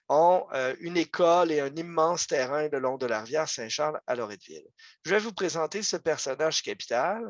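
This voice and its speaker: A man with a Quebec French accent gives an online local history lecture over a video call, speaking conversationally with many fillers and asides. His pitch is fairly high. The audio has no room sound and the highs are cut off.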